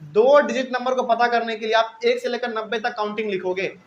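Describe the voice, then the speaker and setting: A man with a notably high voice teaches a math class, walking through each step and posing questions that he then answers himself. A faint hiss of noise sits under his voice. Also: fairly even intonation, brisk, lo-fi sound.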